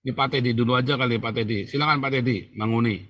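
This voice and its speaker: A man's voice: mid-range voice, steady tone, rapid-fire, fairly bright tone. A man hosting a religious livestream talk show, mocking his opponents and urging his audience to fight back through legal means, often repeating phrases for emphasis. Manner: mocking and defiant, laughs at opponents. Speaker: livestream host.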